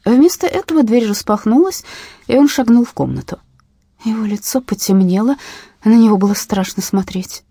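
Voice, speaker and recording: Husky woman narrating an audiobook. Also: a little high, normal speed, no room sound. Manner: expressive, drops to a whisper in tense moments. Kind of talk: first-person novel narration.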